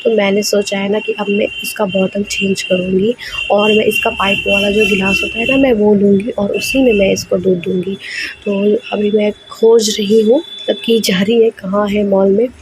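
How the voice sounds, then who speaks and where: A woman's voice: medium pitch, steady tone, moderate pace, background noise. A young woman, a mother and vlogger, chatting casually with lots of fillers. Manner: chatty, conversational with many fillers. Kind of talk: casual vlog narration.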